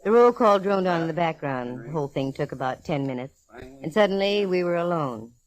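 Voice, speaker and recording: In a low-quality recording, an American actress leads and narrates a 1940s radio detective drama as a sassy, hard-boiled female private eye. Her low, expressive voice moves fairly quickly, delivering dry, wry first-person narration with wisecracks.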